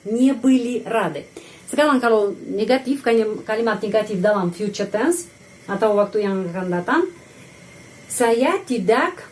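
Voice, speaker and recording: A woman teaching a language lesson, explaining patiently and repeating example sentences slowly and clearly. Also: on the high side, a little hiss or hum.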